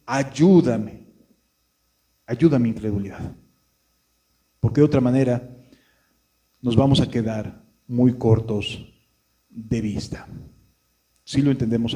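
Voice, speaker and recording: A man's voice: mid-range voice, warm tone, rough recording. A man preaching an earnest sermon, pleading with the congregation and asking rhetorical questions.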